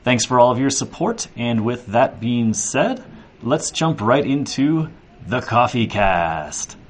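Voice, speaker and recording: A man with an American accent hosting a casual podcast, relaxed and easygoing. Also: medium pitch, takes it slowly. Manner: relaxed, brief affirmations. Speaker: podcast host. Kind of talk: casual interview chat.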